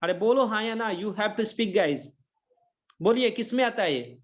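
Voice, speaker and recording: A man's voice: high voice, animated, measured pace, highs cut off. A man with an Indian accent teaching an online English lesson, mixing Hindi and English and often checking whether students follow. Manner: mixes Hindi and English, repeats checking questions. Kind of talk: online English grammar lecture.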